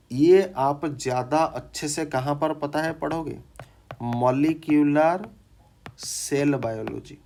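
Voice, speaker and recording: A man teaching a pharmacy lecture. He reads each definition slowly, repeats the key terms, and keeps checking that the class is following. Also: mid-range voice, darkish tone, a little hiss or hum. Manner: explains in mixed Hindi and English, repeats key terms, adds frequent check-ins; reads English definitions slowly, then rephrases them in Hindi.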